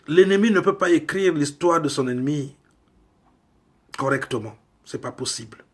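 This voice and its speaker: Slow husky male preacher. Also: fairly high pitch. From Congo. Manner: slow, emphatic preaching with rhetorical questions. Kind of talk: sermon.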